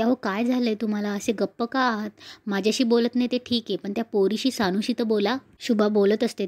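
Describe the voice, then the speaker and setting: A woman casually retells a TV serial episode, quoting every character's lines in her own voice. Her delivery stays flat and even, with little rise and fall. The recording is dry and close, with no room sound. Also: mid-range voice, dry recording. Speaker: storyteller recapping a serial episode. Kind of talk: casual spoken recap with quoted dialogue.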